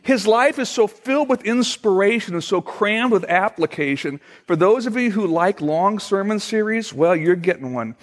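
A middle-aged man, a pastor, preaching a sermon in a conversational, storytelling way with frequent pauses. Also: high-pitched, expressive.

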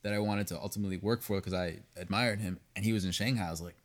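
Low-ish voice guy on a podcast, pastry chef, super candid, cusses a lot, keeps restarting sentences. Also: very fast. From United States, raised partly in Venezuela. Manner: candid and animated, swears freely, frequent restarts. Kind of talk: casual podcast conversation.

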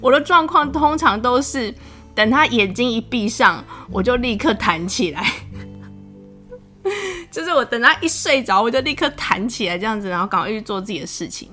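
A woman with a Taiwanese Mandarin accent talks about her young son in a chatty, animated way. She laughs often, and her voice climbs when she gets exasperated. Soft music plays faintly in the background. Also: a little high, moderate pace. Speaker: podcast host, mother. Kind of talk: casual storytelling monologue.

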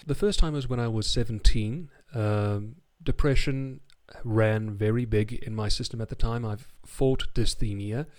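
A man's voice: lowish voice, unhurried, hardly any pauses, a little mellow. A man with a modern British RP, Home Counties accent, speaking in an articulate, formal way as a guest in a reflective personal interview. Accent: refined RP, English Home Counties. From South Africa. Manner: articulate, formal extended vocabulary. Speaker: podcast guest.

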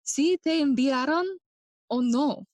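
A woman's voice that sits high yet has a darkish tone plays Prince Hamlet as a slow, sardonic, melancholy young man feigning madness. There's no echo; the mood is probing, and her theatrical, mocking lines switch between English and Spanish in a Shakespearean audio play.

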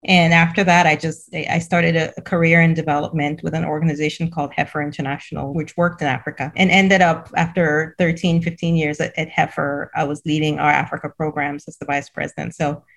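A woman's voice: low-pitched, flat delivery, brisk, creaky, few pauses. A middle-aged woman from Cameroon, a school CEO, telling her story in a casual interview, laughing often and repeating words as she goes.

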